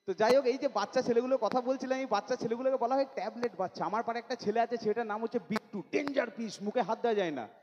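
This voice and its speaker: A man doing stand-up comedy on a stage, telling quick joking stories and acting out the voices in them. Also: very high voice, darkish tone, highs cut off. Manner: fast joking storytelling, acts out quoted voices. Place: stage at a local fair show.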